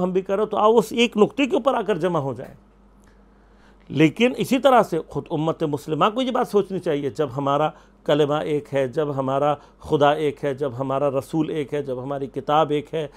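A man's voice: on the high side, a little mellow. A man teaching Quran commentary, explaining verses with rhetorical questions and quoted Arabic. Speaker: religious scholar.

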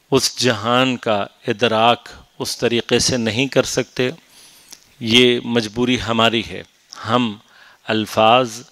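A man giving a measured, explanatory religious lecture on Quranic commentary, rising into emphatic stretches. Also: mid-range voice, fairly bright tone, no room sound.

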